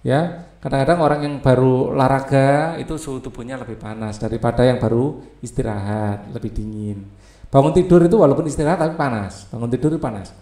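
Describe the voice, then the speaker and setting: Male teacher, gravelly, mid-pitched, roomy echo. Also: dark tone. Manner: reads text aloud, then explains in loose asides. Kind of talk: explaining a textbook lesson.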